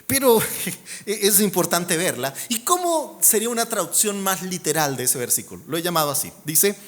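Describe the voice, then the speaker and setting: A Colombian man preaching a sermon as pastor, animated and humorous, swinging between loud emphatic lines and soft low endings. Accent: Colombian Spanish.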